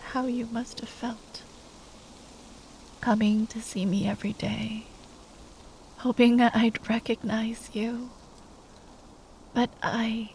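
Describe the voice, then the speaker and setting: Remorseful and tender, the woman voicing a proud royal knight in mourning speaks quietly and falteringly in this fantasy ASMR roleplay, often dropping to a breathy whisper with a touch of wryness. Her voice runs on the high side, and the low-quality recording has slight background noise.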